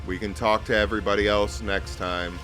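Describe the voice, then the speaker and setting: A man's voice: lowish voice, flat delivery, a little fast, sharp tone. A man hosting a game playthrough, reading story text theatrically and dropping in casual asides, with music behind him. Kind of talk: video game let's play, reading story text aloud.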